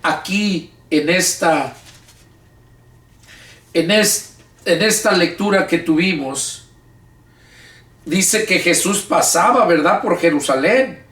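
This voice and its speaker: A man's voice: high voice, animated, slow, pauses often, a bit bright, echoey room, far from the mic. A male pastor leading a Bible study, reading scripture aloud and then explaining it in casual, everyday words with frequent restarts. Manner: casual, colloquial speech with repeated restarts.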